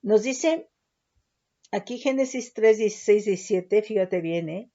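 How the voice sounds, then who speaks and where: A woman teaching the Bible slowly and carefully, who keeps checking in with her listeners with short questions. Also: medium pitch, mellow. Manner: keeps asking ¿verdad? and ¿sí?. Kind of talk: slow Bible teaching with word studies. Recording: dull lo-fi recording.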